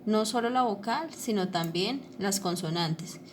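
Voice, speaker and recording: Woman teacher going slow over slides, keeps checking u follow, mid-pitched voice, faint hiss behind. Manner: patient, repeats ¿listo? and ¿cierto? to check understanding. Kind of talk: classroom explanation over slides.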